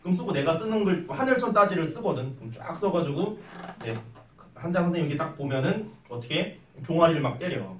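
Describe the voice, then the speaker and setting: A young man teaching math in a classroom, chatty and animated, telling stories and tossing questions at his students. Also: fairly high pitch, fast talker. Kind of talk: classroom lecture with storytelling. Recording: echoey classroom from a distance with faint noise.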